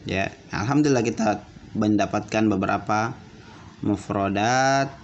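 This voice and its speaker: A man teaching basic Arabic to children, repeating words slowly and checking that they understood. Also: lowish voice. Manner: repeats words slowly and asks questions back. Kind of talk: classroom lesson for children. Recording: dull lo-fi audio with faint room noise.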